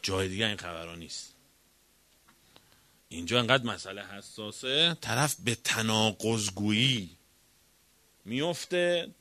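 A man lecturing on religion with a bright, forceful tone and a combative, questioning delivery. He swings from loud emphasis to hushed asides. The recording is dry and close. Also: fairly low pitch, animated, long pauses, no echo. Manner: argumentative, rhetorical questions, swings between loud and quiet. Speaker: cleric lecturer.

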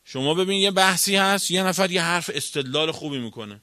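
A man lecturing on religion with a bright, forceful tone and a combative, questioning delivery. He swings from loud emphasis to hushed asides. The recording is dry and close. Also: high voice, animated, no room sound. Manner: argumentative, rhetorical questions, swings between loud and quiet. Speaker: cleric lecturer.

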